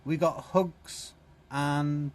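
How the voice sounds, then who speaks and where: A man's voice: on the high side, fairly even intonation, drawn-out words. A man chatting casually on a live stream in a vehicle workshop, wandering and repeating himself. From South East England. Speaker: streamer fixing his van.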